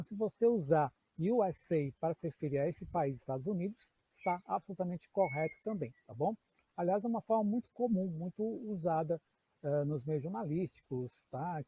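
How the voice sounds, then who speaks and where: A man's voice: sits high, warm tone, breathy edge, no room sound, low-quality recording. A man teaching a recorded English lesson, explaining patiently and checking in with his students. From Brazil.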